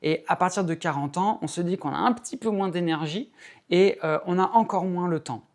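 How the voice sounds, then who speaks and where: A man teaching English in an explanatory video lesson, speaking in a measured way, stressing key words and demonstrating pronunciation examples. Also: sits high, darkish tone.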